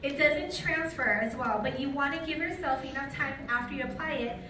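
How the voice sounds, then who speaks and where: Speaking informally and quizzing her audience, this Utah-based American woman leads a live product training in a big room full of people. Her voice sits high and moves briskly, while the audio comes across echoey, distant and noisy.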